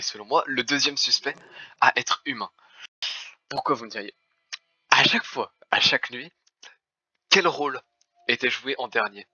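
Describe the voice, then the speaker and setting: A man's voice: mid-range voice, pushed and bright, no echo. Man lecturing theatrically over dull voice chat. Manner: theatrical, formal "mon cher" lecturing, stumbling restarts. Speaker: werewolf game player. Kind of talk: heated game accusation speech.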